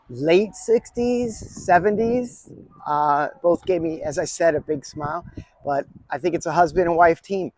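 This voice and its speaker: A middle-aged video host teaches Chinese characters in a chatty, casual vlog full of wandering tangents. His voice sits fairly high but carries a darkish tone.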